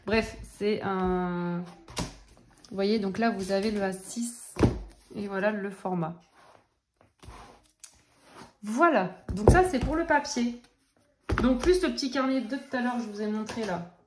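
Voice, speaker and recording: Fast-talking woman chatting to camera. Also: medium pitch, background noise. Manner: talks fast and stumbles over words; chatty, full of fillers and asides. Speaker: craft vlogger showing art-supply purchases. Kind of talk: casual haul chat to camera. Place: at home, with children nearby.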